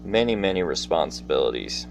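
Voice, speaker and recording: This storyteller has a low voice with big pitch swings and talks a little fast. Faint music and faint background noise sit behind the low-quality recording as he folksily and theatrically relates personal stories straight to his listeners in a casual monologue.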